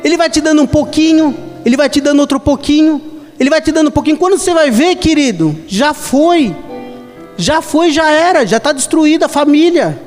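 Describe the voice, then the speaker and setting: A man's voice: very high voice, animated, fairly quick. A man with a Brazilian accent preaching a sermon as an evangelist, emphatic and repetitive, often addressing listeners as "querido". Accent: Brazilian Portuguese. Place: church. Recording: church reverb, soft music behind.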